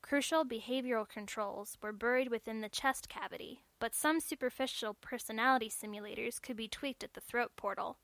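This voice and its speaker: A woman narrating a story in a measured, clear storytelling manner. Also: on the high side, a bit bright, dry recording.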